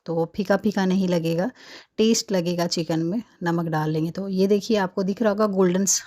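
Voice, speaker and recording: A woman's voice: fairly low pitch, steady tone, normal speed, mellow. A woman in her thirties narrating a recipe in her home kitchen in a chatty, casual way, with frequent filler tags. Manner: chatty, many fillers like "hai na". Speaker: cooking vlogger.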